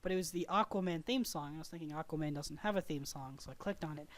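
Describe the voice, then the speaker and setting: A man co-hosting a podcast in casual chat, playful and quick to laugh, often talking over his co-host. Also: a little high, dry recording.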